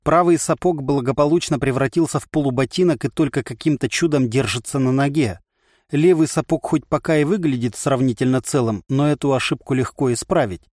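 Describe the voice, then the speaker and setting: A man's voice: mid-range voice, brisk, darkish tone, dry recording, studio quality. A man narrating a first-person audiobook with a wry, sardonic delivery.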